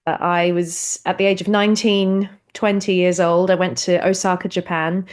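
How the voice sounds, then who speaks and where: A woman's voice: lowish voice, normal speed. Bubbly New woman in her thirties. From New Zealand. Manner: bubbly, expressive, laughs often. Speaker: actress and singer, guest. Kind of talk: casual interview chat.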